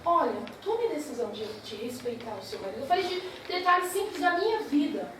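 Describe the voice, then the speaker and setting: A woman's voice: sits high, very animated, fairly quick. A woman preaching to a congregation, earnestly urging her listeners. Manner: earnest, exhorting. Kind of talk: sermon to a congregation. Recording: echoey hall, distant mic, noisy.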